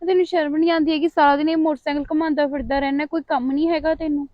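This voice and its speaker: A woman's voice: high voice, fairly even intonation, racing, no room sound, lightly acted. A woman playing a stubborn young village woman. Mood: angry. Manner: sharp and scolding. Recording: dull lo-fi sound.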